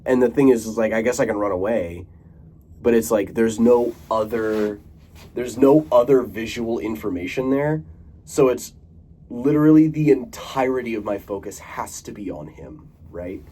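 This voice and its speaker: A man's voice: medium pitch, normal speed, warm tone. A young man talking casually to camera in a rambling monologue, full of fillers, restarts and casual swearing. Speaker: vlogger.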